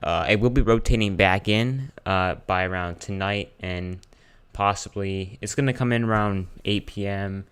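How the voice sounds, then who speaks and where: A man's voice: fairly low pitch, moderate pace, few pauses, fairly bright tone, smooth. A man giving casual live weather commentary as a streamer, informal and hesitant, often thinking aloud as he checks his screen.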